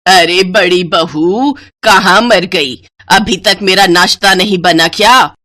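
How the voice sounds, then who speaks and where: A woman's voice: low-pitched, lively intonation, a little slow, fairly bright tone, no echo, studio quality. Woman playing a bossy, scornful old mother-in-law. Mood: shouting. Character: harsh scolding older mother-in-law.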